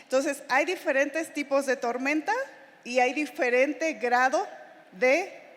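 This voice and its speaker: A woman missionary with a Mexican accent giving a conversational sermon, often checking in with her listeners through quick tag questions. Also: sits high. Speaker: missionary preacher. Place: church hall. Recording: long reverb of a church hall.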